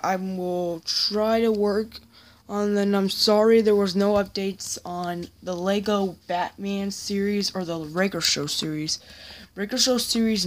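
A woman giving a casual, apologetic vlog update, rambling and halting with many restarts. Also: medium pitch. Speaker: YouTuber.

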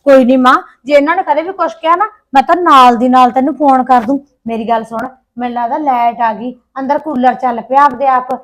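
A woman plays a young married daughter with a Punjabi accent. Her voice is high, and she is chatty and a little complaining. She talks fondly to her mother. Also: steady tone, brisk, few pauses, natural voice. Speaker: actor. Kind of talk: village short-film acting.

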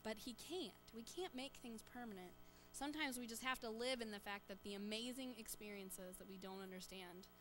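A woman leading a children's sermon in a church, coaxing the children along with lively questions. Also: a little high, slight background noise. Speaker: church children's message leader. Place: church sanctuary.

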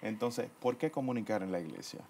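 A man's voice: fairly low pitch, animated, fairly quick, darkish tone. Friendly male television interviewer.

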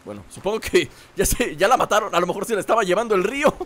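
A gaming video host with a Latin American Spanish accent jokes and exclaims his way through live gameplay commentary. His voice is high, expressive, racing and a bit bright.

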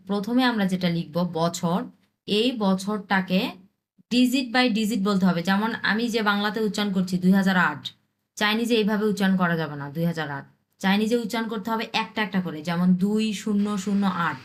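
A young woman from Bangladesh, teaching an online language lesson, repeating examples and reading English lines slowly. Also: fairly low pitch. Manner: explains slowly with repeated examples, reads English text haltingly.

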